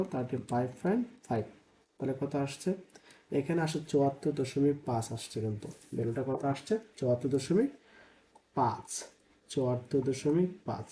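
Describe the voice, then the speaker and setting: A man's voice: medium pitch, fairly quick, mellow. A male chemistry tutor working through exam problems step by step, asking and answering his own questions and mixing English terms and numbers into his speech. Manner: thinks aloud, asks and answers own questions, "তাই না?" checks. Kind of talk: exam-prep lesson, working problems aloud.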